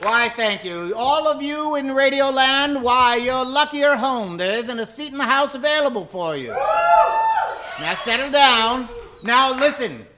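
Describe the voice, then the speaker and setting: Hosting a live improv stage show, this comedian plays to the crowd with theatrical mock formality, like an old-time radio announcer. His extremely high voice is animated, pushed and bright at a measured pace, recorded with stage echo and faint hiss.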